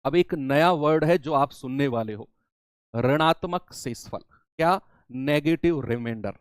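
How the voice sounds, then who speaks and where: A man gives a maths lesson in a high, clear voice, recorded close and dry. He walks through each step, repeats the key terms, and now and then answers in the voice of his students. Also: measured pace, dry recording. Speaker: maths teacher. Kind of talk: classroom maths lecture.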